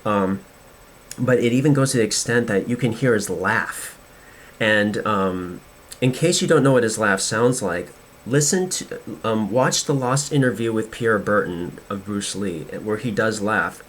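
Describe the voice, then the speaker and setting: A man's voice: on the low side, a little slow. A man hosting a podcast, talking in a casual, rambling way with many restarts and fillers. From United States. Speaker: podcast host.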